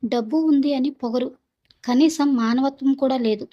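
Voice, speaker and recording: A woman's voice: sits high, normal speed, lo-fi sound. A woman voicing a fiery young woman doctor. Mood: scornful. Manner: indignant scolding.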